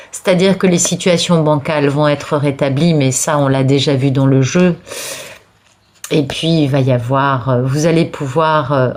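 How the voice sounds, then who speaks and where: Low-pitched and a little mellow, this woman gives viewers a tarot card reading despite a cold that has her sneezing. She sounds encouraging, restarting often and repeating words.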